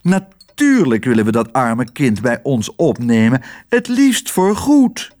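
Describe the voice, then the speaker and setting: A man reading a storybook, voicing a prim, fussy elderly aunt in a gushing, shrill manner. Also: huge pitch swings, takes it slowly, darkish tone.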